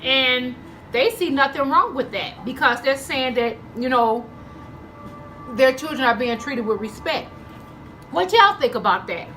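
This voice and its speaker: Bright, high-voiced woman chatting while eating. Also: lively intonation, unhurried, faint music behind, poor audio. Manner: conversational, addresses viewers as y'all, acts out dialogue. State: eating, chewing between phrases. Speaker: mukbang vlogger. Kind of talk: casual storytelling while eating.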